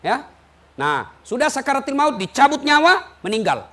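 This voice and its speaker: A middle-aged man from South Sulawesi preaching a lively, humorous sermon, telling stories with his voice swinging high and low. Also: moderate pace. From South Sulawesi, Indonesia.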